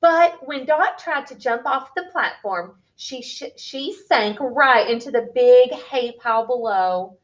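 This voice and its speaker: A woman reads a picture book aloud to young children, telling the story in an expressive, deliberate way. Her voice sits high, and the sound is lo-fi.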